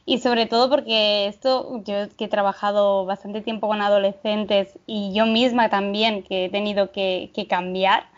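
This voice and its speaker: A woman's voice: mid-range voice, flat delivery, measured pace, few pauses. Enthusiastic woman host, lo-fi sound. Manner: enthusiastic, hesitant, repeats words. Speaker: interview host. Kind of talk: conversational interview. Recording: dull lo-fi sound.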